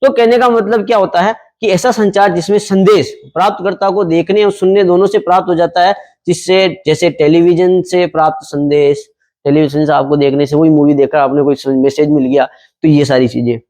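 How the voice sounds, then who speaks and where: A man's voice: on the high side, steady tone, brisk, warm tone. A young man teaching a class, explaining exam topics in a conversational way and asking the students questions that he then answers himself.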